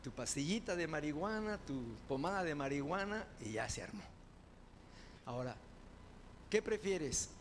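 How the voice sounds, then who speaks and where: A male pastor preaching a sermon, asking the congregation questions and swinging between quiet asides and shouted repetition. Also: fairly high pitch, expressive, unhurried, pauses often, slight background noise.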